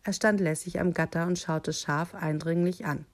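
A woman reading a children's picture book aloud, with calm, deliberate storytelling. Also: on the low side.

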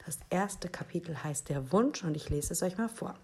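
A teacher presenting a school book podcast for first graders and reading a children's book aloud in a clear storytelling manner. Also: female voice, fairly low pitch, lively intonation, slight background noise. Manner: warm-hearted, slow, clear storytelling for young children.

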